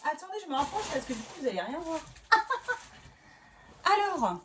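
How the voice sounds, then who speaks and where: A woman's voice: sits high, big pitch swings, unhurried. A woman in her thirties chatting casually as she unboxes a haul for her family vlog, exclaiming and restarting often. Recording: mic at a distance with clear background noise.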